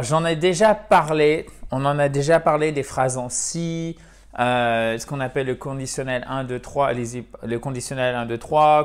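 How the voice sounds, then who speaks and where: Man teaching English, chatty. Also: medium pitch. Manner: lively, repeats words slowly, asks ok?. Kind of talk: casual video lesson.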